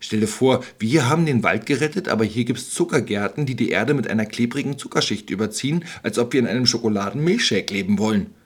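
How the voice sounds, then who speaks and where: A man's voice: mid-range voice, animated, quick pace, hardly any pauses, slightly rough. Hänsel, man doing a sarcastic boy. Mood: skeptical. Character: skeptical young boy Hänsel.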